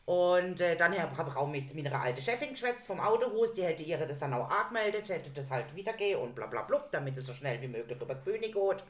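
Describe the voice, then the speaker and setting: A woman's voice: fairly low pitch, lively intonation, quick pace, few pauses. A woman, chatting casually as a podcast co-host and telling a rambling story. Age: 40s. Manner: chatty storyteller, trailing restarts. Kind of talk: casual chat. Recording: echoey room.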